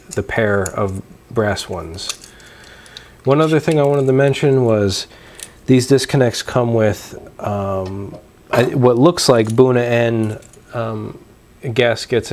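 With a fairly low voice, a young man runs a laid-back homebrewing show-and-tell, showing parts and talking through them with plenty of fillers and restarts. The audio comes from a lapel mic in a small room at home.

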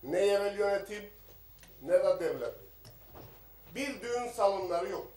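A man's voice: high-pitched, lively intonation, unhurried, darkish tone, distant mic. A man giving a combative parliamentary speech at a rostrum microphone, firing rhetorical questions at the minister. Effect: speaking at a rostrum microphone in an assembly hall. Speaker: member of parliament. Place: parliament chamber. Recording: echoey chamber, voice a bit off the mic.

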